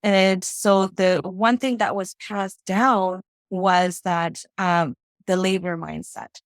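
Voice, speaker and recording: A woman's voice: medium pitch, steady tone, slow, dry recording. Woman from Fiji, dry close sound. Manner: reflective storytelling, often adds "right?" and "you know". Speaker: guest, financial strategist. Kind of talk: casual interview conversation.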